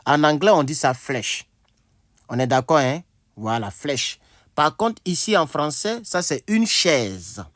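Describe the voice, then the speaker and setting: A man teaching an English lesson at a board, slowly repeating himself and thinking aloud. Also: on the high side, big pitch swings, a bit bright, no echo, clean studio sound. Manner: slow, repetitive, thinking aloud with asides.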